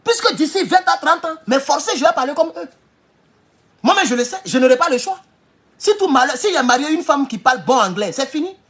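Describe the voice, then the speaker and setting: A man giving a heated political monologue, hammering rhetorical questions and sometimes shouting. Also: very high voice, animated, fairly quick. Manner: emphatic, repeats rhetorical questions, bursts into shouting. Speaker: political commentator.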